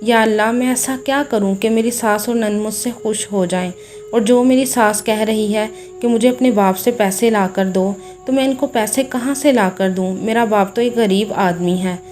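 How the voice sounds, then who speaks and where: A woman voicing a meek, mistreated young wife who pleads softly, in a storybook tale. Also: medium pitch, steady tone, normal speed, faint music behind, close to an everyday voice. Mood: pleading.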